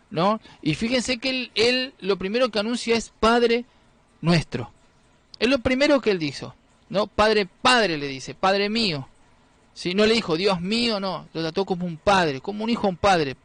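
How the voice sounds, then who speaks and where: A man's voice: high-pitched, a bit bright, no echo. A man with a Rioplatense Spanish accent gives an informal, conversational sermon, often asking "¿no?" and restarting his sentences. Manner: conversational, many fillers and tag questions. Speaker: preacher.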